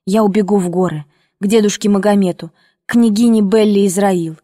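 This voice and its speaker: A woman's voice: medium pitch, steady tone, a little fast, mellow, dry recording, clean studio sound, lightly acted. A woman voicing a proud, hurt young girl who speaks earnestly and tearfully.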